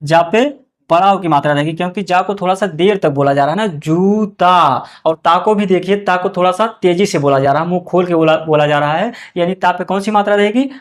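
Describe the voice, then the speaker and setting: A man teaching young pupils how to read vowel signs. He asks questions and answers them himself, and draws out each example word slowly. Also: sits high. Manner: slow and drawn out on example words, repeating each twice. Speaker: Hindi teacher.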